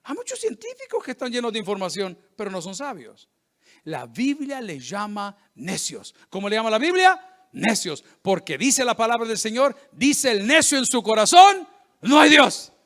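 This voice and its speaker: Speaking at a moderate pace in a high-pitched voice, the middle-aged pastor preaches with humor and liveliness. He dramatizes quoted people by voicing them.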